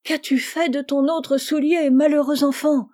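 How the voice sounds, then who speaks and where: A woman's voice: high voice, fairly even intonation, a little slow, dark tone, voice pushed up. A woman voicing a worried, tearful mother scolding her son in a read-aloud children's story. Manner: pleading, tearful cries.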